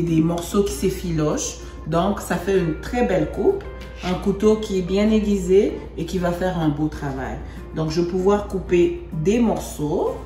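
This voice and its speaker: A woman's voice: lowish voice, warm tone, reverberant. A woman from Congo giving a cooking demonstration, chatting and rephrasing herself as she works. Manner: chatty, repeats and rephrases while working. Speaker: home cook presenting a recipe.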